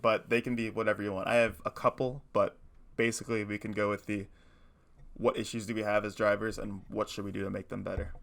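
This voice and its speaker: Talking fast with a flat delivery, this podcast co-host has a fairly low, gravelly voice with a bit of brightness. The chat is casual and playful, full of rambling and frequent laughter.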